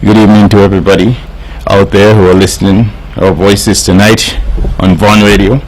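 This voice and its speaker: A man's voice: lowish voice, level tone, normal speed, darkish tone, poor audio. A man speaking formally as a guest on a radio show.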